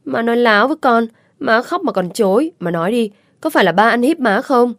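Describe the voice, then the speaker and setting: A woman's voice: a little high, expressive, fairly quick, dry recording, clean studio sound, voice pushed up. A woman voicing a small boy in an audiobook story, pleading and questioning his mother. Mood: sulky. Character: little boy, clingy and curious.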